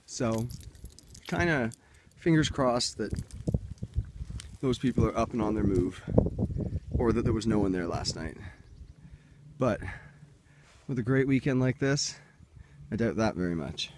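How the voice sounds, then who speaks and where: A young man talks casually to his handheld camera while hiking and camping, pointing things out in an easygoing, chatty way. His voice sits at an ordinary middle pitch. A faint hush of outdoor air and insects sits behind him. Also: a little hiss or hum. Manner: easygoing, chatty, shows things to the viewer as he goes. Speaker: hiking vlogger. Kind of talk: casual vlog narration to camera. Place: outdoors on forest trails and at a campsite.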